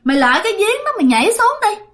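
Angry male ghost, high and loud, scolding, played by a woman storyteller. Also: very animated, racing, heavily acted. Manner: scolding, barking repeated questions. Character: angry bullying male ghost, shouting and slapping.

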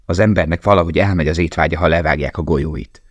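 A man's voice: low-pitched, no room sound, highs cut off. A man doing a frail, subdued young prisoner. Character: frail starved young man, quiet, ashamed.

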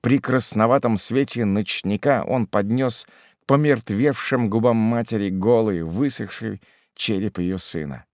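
Male audiobook narrator, slow, gravelly, lively melody, dry close sound. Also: lowish voice, dry recording. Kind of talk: scripted narration of a classic novel.

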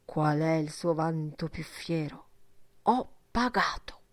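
A woman's voice: lowish voice, animated, slow, no echo, full character voice. A woman reading as a preachy old schoolmaster. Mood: lecturing. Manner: lecturing, solemn. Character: stern old male schoolmaster, preachy and self-satisfied.

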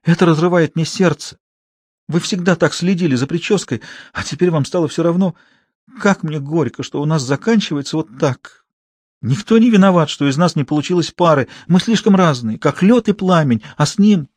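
A weepy, melodramatic young actress, voiced by a male audiobook reader, pouring out raised, loud lament in a higher, lifted register. She gushes and declaims as if on stage. The dry, close sound has no room around it. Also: moderate pace, no echo, natural voice. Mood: tearful theatrical. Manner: gushing, exclamatory, sobbing declamation. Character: melodramatic young actress wife, tearful and theatrical. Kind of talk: audiobook character voice.

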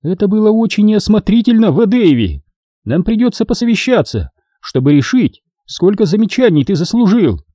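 A shrill, bossy female warden, as a male narrator puts her on, her voice pitched far up, sharp and scolding beneath a put-on sweetness. The tone stays soft and husky, recorded dry and close for a storybook. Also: sing-song, moderate pace, no echo. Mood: stern.

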